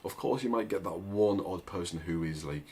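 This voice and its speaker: Speaking at normal speed, a young northern English man with a thick accent gives casual, meandering advice to camera, full of "like" and "right?". He's an agency owner who vlogs. His voice sits low, with a darkish tone and a breathy edge.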